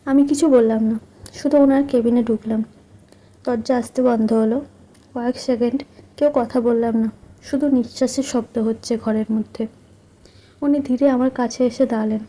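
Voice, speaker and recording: A woman narrates a romantic story in the first person, in a soft, intimate and measured way. Her voice sits high but sounds deeply warm and mellow, never sharp. She reads like a storyteller drawing the listener close. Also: steady tone.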